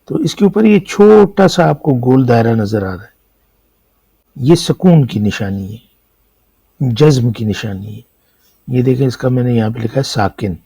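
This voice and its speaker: A man's voice: mid-range voice, animated, vocal fry, long pauses, dark tone, slightly rough, dry recording, rough recording. A man with a Pakistani Urdu accent teaching an Arabic lesson, explaining patiently and asking and answering his own questions. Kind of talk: classroom lecture explaining script.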